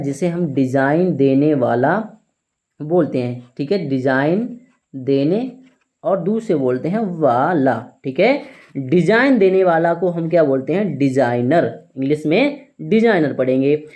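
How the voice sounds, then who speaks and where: A man teaching an English vocabulary lesson in Hindi, asking his students questions and answering them himself, spelling words out slowly letter by letter and saying "theek hai" often. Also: fairly high pitch, warm tone. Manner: repeats "ठीक है" often.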